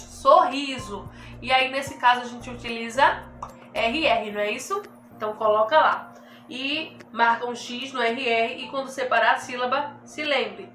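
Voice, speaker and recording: A woman teacher from Brazil, giving a remote grammar lesson to children. She stretches key words out slowly and keeps checking in with her pupils. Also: high voice, a bit bright. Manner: slow, drawn-out emphasis on key words. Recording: echoey room with faint music.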